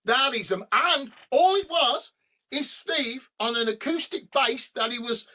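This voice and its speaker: A middle-aged man, a rock singer guest on a podcast, telling animated stories over a remote call. He swears freely and breaks into humming and sung snippets. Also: very high-pitched, a little slow. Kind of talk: storytelling in a podcast interview.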